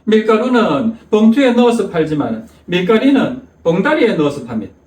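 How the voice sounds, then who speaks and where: A man's voice: high-pitched, big pitch swings, moderate pace, a little mellow, distant mic. A man voicing a stubborn, pedantic older male school principal who curtly insists in a raised voice, heard in an echoey church hall. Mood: insistent. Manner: insists curtly, keeps repeating that the words differ.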